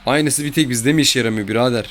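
A man's voice: mid-range voice, fast talker, a bit bright. Man, gaming commentary, exasperated, grumbling, faint noise behind. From Turkey. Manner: exasperated, grumbling about bad luck. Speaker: gaming YouTuber. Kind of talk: casual gameplay commentary.

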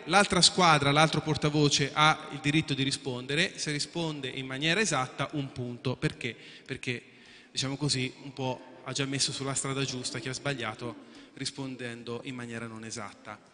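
A quiz show host with a mid-range, bright and forceful voice explains the rules to contestants at a moderate pace. He talks in a chatty way, repeats and restarts, and regularly asks if everyone is on board, all captured in an echoey event hall.

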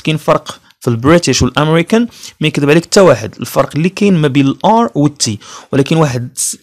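A young man with a Moroccan accent teaching English pronunciation, explaining rules in Darija and reading English rules slowly and carefully. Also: on the high side. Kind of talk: pronunciation lesson.

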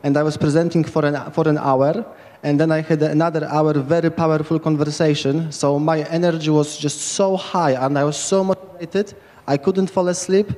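At a moderate pace and with fairly even intonation, a Polish man in his thirties speaks in a slightly high, darkish voice that resonates as if in a large hall. It is an informal lightning talk at a hacker camp's big tent stage, delivered into a handheld mic with rambling energy and many restarts.

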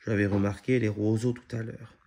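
A man's voice: fairly low pitch, little pitch movement, normal speed, darkish tone, slight background noise, natural voice. A man doing Lily, a cheerful clever little girl. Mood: sure. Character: young girl cousin, bright and cheerful.

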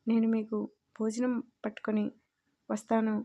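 A woman's voice: a little high, completely flat delivery, normal speed, dark tone, lo-fi sound, natural voice. A woman voicing a timid, tearful young wife who pleads earnestly in a storybook reading. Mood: pleading.

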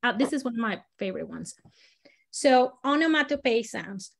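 A woman with a slightly high voice leads a storytelling workshop. She is from Latin America and explains each exercise in a lively, demonstrative way, moving her pitch and loudness around as she models voices for her students. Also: moderate pace, creaky. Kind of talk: teaching a live workshop.

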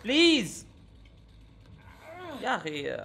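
A man's voice: high voice, huge pitch swings, takes it slowly, creaky, background noise. A young man giving gameplay commentary, exasperated and repeating himself with frequent oaths. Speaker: gaming YouTuber.

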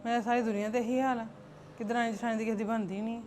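A chatty, defensive elder sister-in-law played by a woman in a family drama. Her voice is slightly high and conversational. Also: little pitch movement, quick pace, a little mellow, a little hiss or hum, lightly acted.

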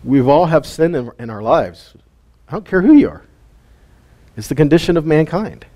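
A man's voice: fairly high pitch, animated, normal speed, dark tone. A man giving a casual sermon teaching, retelling Bible stories in a folksy, plain-spoken way.

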